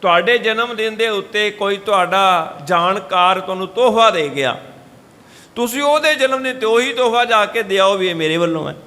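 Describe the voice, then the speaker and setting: A man's voice: high voice, sharp tone, long reverb tail. A man giving a Sikh scripture talk, telling stories and changing his voice for the people he quotes. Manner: storytelling, shifts voice for quoted speakers. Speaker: katha preacher. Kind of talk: Sikh scripture exposition with sung verses. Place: gurdwara hall.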